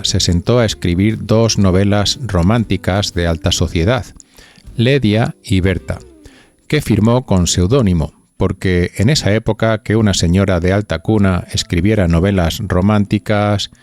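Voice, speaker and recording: A podcast host with a Spanish accent narrates scripted gossip in a chatty, playful way, confiding straight to his listeners. His voice is on the low side, a little mellow, at normal speed.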